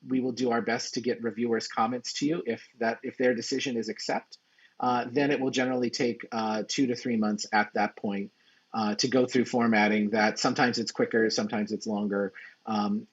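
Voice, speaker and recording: A man acting as a journal editor speaks in an explanatory, conference-like way, halting often, restarting and repeating words. His voice is medium-pitched and husky, and the audio sounds dull.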